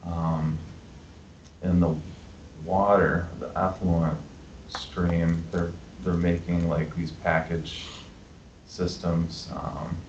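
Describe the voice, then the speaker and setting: A very deep-voiced man speaks slowly and hesitantly, filling gaps with ums as he explains. The sound is roomy and echoing, slightly dull, with a faint hiss behind it. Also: level tone, a little mellow. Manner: hesitant, filler-heavy explaining. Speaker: wastewater utility staff member. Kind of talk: meeting discussion. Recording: echoey, dull meeting recording with faint hiss.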